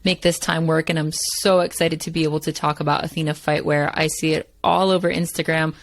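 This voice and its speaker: This podcast host is a woman with a low, creaky voice that barely moves in pitch, and she talks briskly. She's upbeat and chatty in a casual interview, dropping "like" and "right" all over the place.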